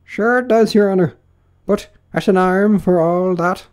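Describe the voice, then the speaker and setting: A man's voice: high voice, a little slow, darkish tone, smooth, pitched above the performer's own voice. A man voicing a simple, deferential animal servant, plaintive yet stubborn, in a storybook. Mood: reluctant.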